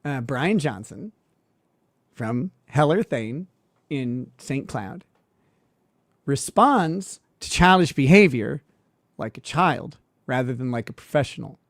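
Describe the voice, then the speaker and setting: A man's voice: mid-range voice, animated, slow, long pauses, no echo, clean studio sound. A man, a suspended lawyer, telling a story in a casual monologue with a sardonic, mocking manner, laughing and using lots of filler words.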